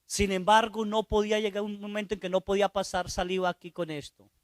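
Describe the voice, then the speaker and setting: A man's voice: high voice, little pitch movement, quick pace, no echo, clean studio sound. A male priest preaching, telling a story and asking the congregation questions as he goes. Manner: storytelling, asks the audience questions. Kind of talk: sermon.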